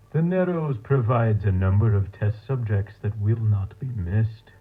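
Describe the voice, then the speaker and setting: On a tinny, narrow-band tape log with slight background noise, an actor plays a male mad scientist with a low, natural voice. He dictates in a formal, measured, coldly clinical way, like an analog horror audio drama.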